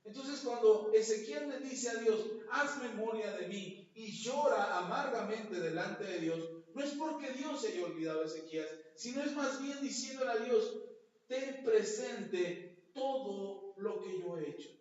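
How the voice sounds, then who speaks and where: Male preacher, high pitch, animated delivery of loud readings and hushed asides; heavy echo, dull lo-fi sound. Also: normal speed, hardly any pauses. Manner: animated, swings between loud emphatic reading and low quiet asides. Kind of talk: sermon. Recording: very echoey, dull lo-fi podcast recording.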